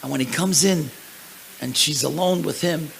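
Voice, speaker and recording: Male rabbi lecturer, gravelly, animated storyteller, faint hiss behind. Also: on the high side, normal speed, low-quality recording. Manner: animated storyteller, acts out the people in his stories. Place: synagogue event hall.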